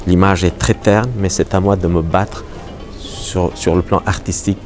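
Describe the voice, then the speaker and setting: Middle-aged Afghan man, deep, hesitant interviewee, lapel mic in a gallery with music behind. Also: steady tone, a little mellow. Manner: halting, many fillers and restarts. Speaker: painter. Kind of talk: on-camera interview. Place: art gallery hall.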